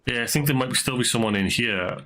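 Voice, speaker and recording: A man's voice: medium pitch, a little fast, pushed and bright, slight background noise. A man gaming with a friend, chatting casually as he plays. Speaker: gamer in a co-op let's play. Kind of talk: casual gaming chat mixed with reading quest dialogue aloud.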